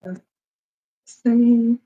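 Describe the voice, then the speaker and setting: A livestreamer with a medium-pitched, fairly even voice draws out words while chatting casually and directly with viewers, thinking aloud as he fiddles with computer audio settings. He talks into a computer microphone at his indoor desk, wearing headphones, and the sound is phone-quality with slight background noise.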